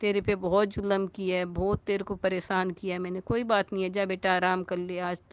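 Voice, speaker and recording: A woman voicing an older mother-in-law who has turned kind, speaking gently and reassuringly in a storytold scene. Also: medium pitch, flat delivery, brisk, clear, resonant tone, dull audio, close to an everyday voice. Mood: gentle, kind.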